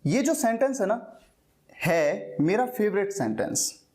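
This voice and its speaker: A very animated man with a high, darkish voice lectures in class, explaining each step patiently. To model pronunciation, he repeats words at a slow pace.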